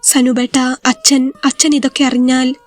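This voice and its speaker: A woman's voice: high voice, level tone, moderate pace, faint music behind, close to an everyday voice. A woman voicing a young injured wife who asks anxious, pleading questions in a spoken story. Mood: tearful.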